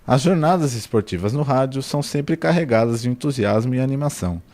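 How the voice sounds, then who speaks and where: A man's voice: medium pitch, expressive, fairly quick, a little mellow. A Brazilian man reading scripted narration as a reporter.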